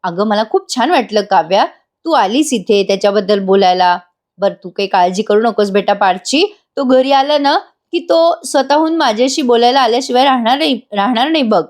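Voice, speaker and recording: A woman's voice: a little high, expressive, brisk, a little mellow, natural voice. Woman retelling jovial fatherly old man. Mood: gently firm. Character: affectionate older father-in-law, man, jovial.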